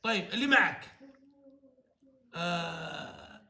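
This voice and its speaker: A man's voice: sits high, lively intonation, slow, bright, forceful tone. A man with a Gulf Arabic accent casually bantering as he plays a guessing game with a friend on a live stream. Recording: echoey room.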